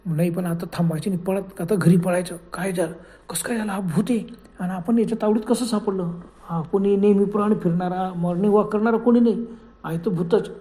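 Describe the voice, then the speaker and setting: A storyteller narrating a spooky ghost story dramatically, often dropping to a hush. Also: medium pitch, steady tone, a little fast. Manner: dramatic, with frequent hushed passages.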